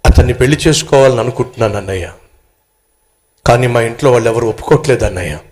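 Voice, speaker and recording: A man's voice: mid-range voice, fast, a little mellow, voice pushed down, lightly acted. A man voicing a pleading young woman. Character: worried young woman seeking prayer.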